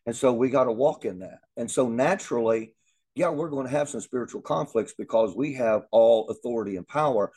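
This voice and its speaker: A man's voice: mid-range voice, brisk, a little mellow, slightly rough. A man teaching a Bible lesson in an earnest way, often repeating words as he thinks aloud.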